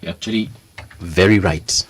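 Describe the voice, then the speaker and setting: A man's voice: low voice, moderate pace, breathy edge, no echo. Kenyan man hosting a breakfast radio show. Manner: playful banter, mixes in Swahili phrases. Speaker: radio host. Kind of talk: casual chat. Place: radio studio.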